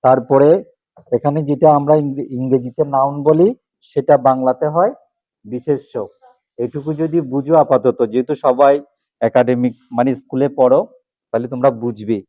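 A man's voice: mid-range voice, steady tone, moderate pace, long pauses, dark tone, no room sound. A man teaching a class, drilling letters one by one and asking questions, then answering them himself. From Bangladesh. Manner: asks questions and repeats answers. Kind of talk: classroom lesson on alphabet pronunciation.

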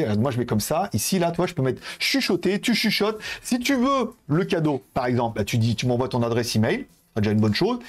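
A young man with a fairly high, husky voice hosts a live-stream giveaway, chatting casually with viewers. He rambles informally, uses lots of fillers, and speaks to his audience directly.

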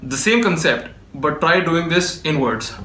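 A man teaches in a patient, step-by-step way, his voice sitting a little high for a man and sounding bright and forceful. He is recorded in a room with clear echo. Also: lively intonation, a little slow, slight background noise. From India. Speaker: beatboxer teaching. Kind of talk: spoken tutorial. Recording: echoey room.

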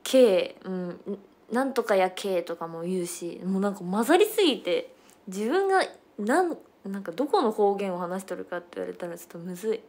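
A young woman from western Japan hosts a relaxed livestream and chats with viewers. Her voice sits at a middle pitch, and she slips between regional dialect endings as she talks. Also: brisk. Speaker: idol livestream host. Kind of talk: casual livestream chat with viewers.

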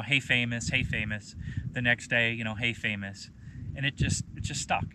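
A man in his thirties tells a hiking story in a relaxed, conversational way and keeps saying "you know." His voice has a bright, forward edge at an ordinary male pitch. A faint noise sits under the recording. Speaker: hiking vlogger. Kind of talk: casual storytelling to camera.

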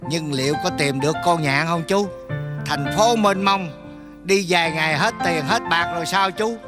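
A man's voice: a little high, unhurried, lightly acted. A man playing a grieving, regretful old father who talks plaintively and tearfully, in Vietnamese folk opera acting. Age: older. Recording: instrumental music behind.

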